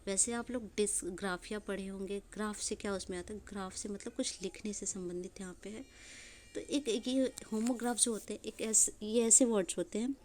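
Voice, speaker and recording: A woman teacher giving an exam revision lesson in speech. She asks questions and answers them herself, spells words out letter by letter, and slows down to read English definitions. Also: medium pitch, darkish tone, slight background noise.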